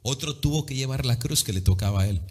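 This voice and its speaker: A man preaching a dramatic sermon, swinging between loud and hushed, slipping into English now and then. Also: medium pitch, expressive, fast, husky.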